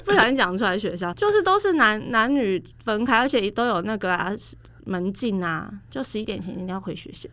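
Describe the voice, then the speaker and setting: A woman with a Taiwanese accent chatting casually as a podcast co-host, explaining things and gently objecting. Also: mid-range voice, lively intonation, a little fast, no echo. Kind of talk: casual chat.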